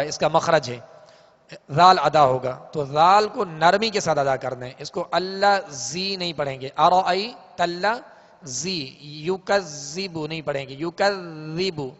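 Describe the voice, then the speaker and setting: A man teaching Quran recitation rules, explaining slowly and then chanting the verses in long drawn-out melodies. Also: a little high, a bit bright. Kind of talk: tajweed lesson with chanted recitation. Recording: dull echoey hall recording.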